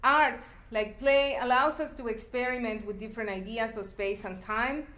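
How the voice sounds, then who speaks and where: A woman's voice: on the high side, steady tone, normal speed, a bit bright. A woman from El Salvador giving a public talk about her art installations, speaking reflectively with fillers and restarts. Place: lecture hall. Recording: echoey lecture hall.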